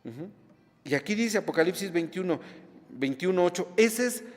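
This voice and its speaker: A man's voice: high-pitched, expressive, normal speed, in a large hall. A man preaching a sermon, emphatic, repeating key words and checking in with the congregation. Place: church.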